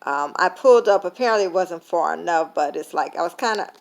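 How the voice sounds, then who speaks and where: Speaking briskly and with animation, a tired woman with a low, gravelly voice talks to camera as a vlogger sharing a faith lesson. Her reflective, conversational talk is full of fillers and retells an everyday story through quoted dialogue.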